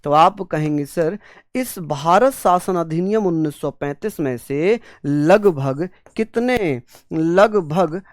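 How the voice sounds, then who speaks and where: Slow, dry-voiced male exam-prep teacher. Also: a little high, lively intonation, no echo. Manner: repetitive drilling, voices students' questions, fond terms of address. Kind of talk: online classroom lecture.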